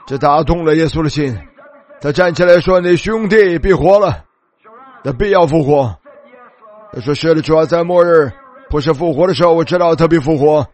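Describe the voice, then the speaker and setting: A man preaching a fervent sermon, retelling scripture scenes and rising to shouts. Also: fairly high pitch, a little fast.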